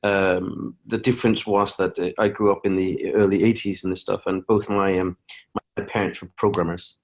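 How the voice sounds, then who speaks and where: Halting Danish-born man, low voice. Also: little pitch movement. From Denmark. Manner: halting, many restarts and fillers. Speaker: guest, company founder. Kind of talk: casual interview talk.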